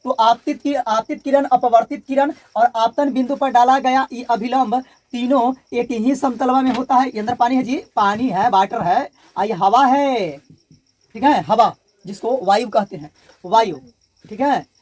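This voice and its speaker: A man with a Bihari Hindi accent teaches a physics class. He says each term, asks what it is called, and repeats it in a steady call-and-response drill. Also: very high voice, moderate pace.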